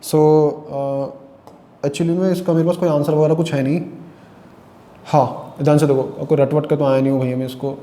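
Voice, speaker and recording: A man's voice: a little high, flat delivery, moderate pace, mellow, reverberant. A male chemistry teacher giving a tired classroom lecture. He asks his own questions and answers them, and he mixes English terms into his speech. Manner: speaks Hindi mixed with English terms.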